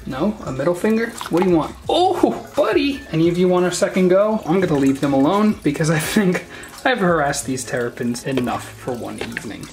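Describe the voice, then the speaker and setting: A young man hosting his own turtle vlog, excitable and self-mocking, yelping whenever his turtles bite. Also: a little high, a little fast, soft background music. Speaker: turtle-keeping video creator. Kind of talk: casual vlog talk.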